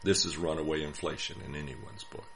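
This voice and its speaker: A middle-aged man reads a personal essay aloud with dry, self-mocking humor. His voice sits extremely low, with a creaky, gravelly texture. A faint hiss runs under the recording. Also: fairly quick, fairly bright tone. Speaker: storyteller.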